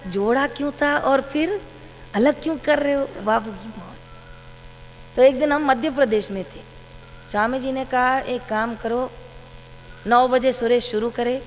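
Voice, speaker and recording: A woman giving a devotional satsang talk, telling a story about her guru and quoting his words. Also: fairly high pitch. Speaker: satsang speaker. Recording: long hall reverb with faint hum.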